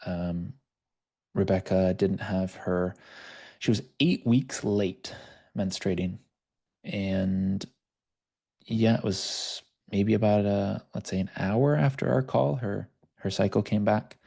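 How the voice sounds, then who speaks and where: Male life coach, low gravelly voice, relaxed storytelling delivery, video-call audio. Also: slow pace. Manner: conversational, storytelling. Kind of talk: online workshop teaching.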